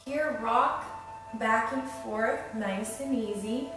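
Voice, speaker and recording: A woman teaching yoga, guiding a class in a soothing, unhurried manner. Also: on the high side. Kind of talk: guided yoga class instruction. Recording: very echoey room, distant mic, music behind. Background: music.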